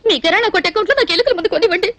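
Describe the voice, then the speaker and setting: A woman's voice: extremely high pitch, very fast, very noisy. An actress playing a tearful, lovesick young woman in a dubbed film, pleading and near sobbing. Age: young adult. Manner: pleading, tearful, breaking into sobs.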